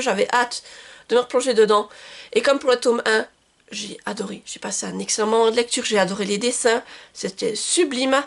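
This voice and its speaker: A woman from France talking through her reading challenge in a casual book vlog, chatty with frequent fillers and restarts. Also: fairly high pitch. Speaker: book vlogger.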